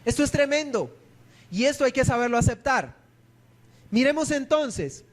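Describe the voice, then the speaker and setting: A man's voice: very high-pitched, animated, normal speed. A man, a pastor preaching a sermon in church, who keeps asking the congregation questions and answering them himself.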